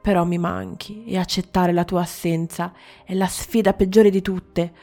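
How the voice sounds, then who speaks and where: A woman's voice: lowish voice, little pitch movement, moderate pace, vocal fry, warm tone, faint music behind. A woman voicing a grieving but determined prince in a storybook, speaking earnestly and with emotion.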